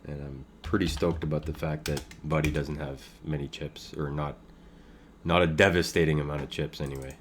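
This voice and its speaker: A man's voice: a bass voice, steady tone, normal speed, a little hiss or hum. A man commenting on his own online poker game in casual, thinking-aloud talk, with many fillers and chuckles.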